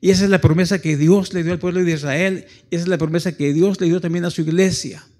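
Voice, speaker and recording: Man, pastor, church sermon, slightly high voice, slow drawn-out phrases, sudden loud peaks. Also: steady tone. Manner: calls listeners "hermanos" and asks for amen.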